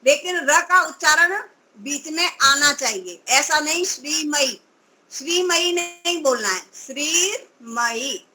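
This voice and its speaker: A woman's voice: high-pitched, animated, measured pace, bright, forceful tone, poor audio. A woman teaching Sanskrit pronunciation, drawing out syllables and patiently correcting her student. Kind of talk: pronunciation lesson.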